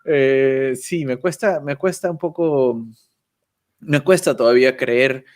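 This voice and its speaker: Speaking slowly at a medium pitch, a male guest YouTuber chats casually over a video call. He's thoughtful and pokes fun at himself, and many of his phrases end in a questioning "right?".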